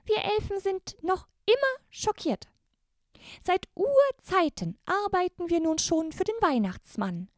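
A tiny Christmas elf from a storybook, with a very high, bright voice and formal, courtly manners, polite yet urgent, as a woman reading aloud puts her on. She speaks slowly and clearly, and the sound is close and dry. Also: sing-song, no echo, heavily acted. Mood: earnest.

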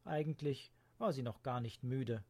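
A man narrates a children's storybook at a calm, even pace. His voice sits in a middle pitch and has a slightly husky, breathy grain. The reading is gentle and steady. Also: normal speed.

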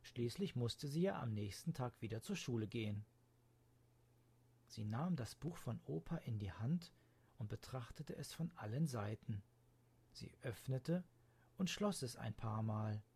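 A man reading a children's story aloud in a calm, even storytelling manner. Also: medium pitch, unhurried, creaky, slightly rough. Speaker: narrator.

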